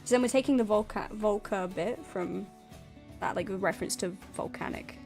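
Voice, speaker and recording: A woman's voice: mid-range voice, normal speed, vocal fry, a little mellow, faint music behind. A woman co-hosting a worldbuilding stream, chatting casually, giggling and thinking aloud with many restarts. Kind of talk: casual brainstorming chat.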